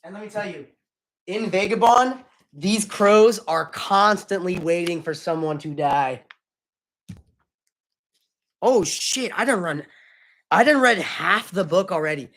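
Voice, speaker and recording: A man's voice: high voice, unhurried, pauses often, fairly bright tone. A young man streamer chatting casually with his live chat, loose and slangy, often apologizing.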